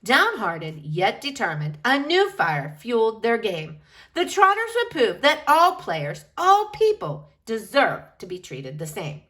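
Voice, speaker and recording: In a bright, fairly high voice with wildly swooping pitch, a woman reads a picture book aloud for young listeners. She takes it slow and theatrical, stressing important words hard and stretching them out for dramatic effect.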